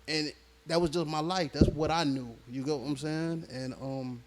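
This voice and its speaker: Man, rapper guest, relaxed slang-filled storytelling, voice a bit higher than most men. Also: normal speed, a little hiss or hum. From born in Nigeria, raised in Houston, Texas. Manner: laid-back, slang-heavy, keeps checking in with the listener. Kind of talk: casual interview storytelling.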